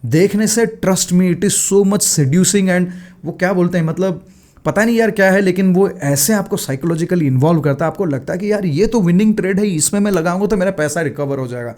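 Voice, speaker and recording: High-voiced chatty Hindi-speaking man. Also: a little fast, a little mellow. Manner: chatty, Hindi-English mix, frequent fillers. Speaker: day trader sharing his mistakes. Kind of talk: casual talk to camera.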